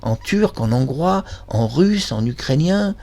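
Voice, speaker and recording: A man's voice: on the high side, animated, slow, a little mellow. Effusive, rambling male channel host. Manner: effusive, rambling, self-praising. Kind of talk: casual monologue.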